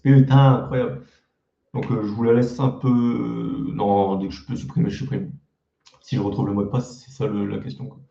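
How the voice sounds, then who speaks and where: A man's voice: on the low side, flat delivery, moderate pace, creaky, mellow, reverberant, dull audio. A man casually reacting to his own old videos, mocking them with crude slang and self-deprecating jokes.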